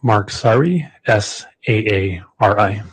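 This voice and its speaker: Guy on the witness stand, low husky voice, short plain answers, courtroom recording. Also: slow pace. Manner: brief, matter-of-fact answers. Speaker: witness, federal special agent. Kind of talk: courtroom testimony.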